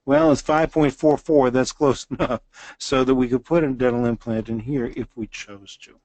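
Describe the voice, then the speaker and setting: A man's voice: medium pitch, fairly even intonation, normal speed, darkish tone, no echo. Older man lecturing, dry close sound. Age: 60s. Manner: explanatory, walks through images step by step. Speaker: dental lecturer. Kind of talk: case presentation lecture.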